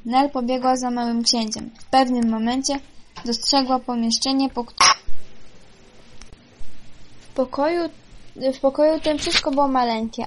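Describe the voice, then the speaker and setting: A woman with a fairly high voice reads a children's fairy tale aloud. She takes her time, now and then tripping over a word and starting it again. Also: a little hiss or hum. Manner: unhurried, with small stumbles and self-corrections. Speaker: storyteller.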